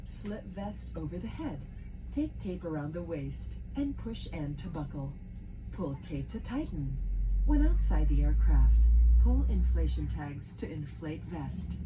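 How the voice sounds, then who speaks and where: A woman's voice: lowish voice, rough recording. A woman working as a flight attendant, reading a scripted safety announcement in a formal, instructional way over an aircraft cabin PA.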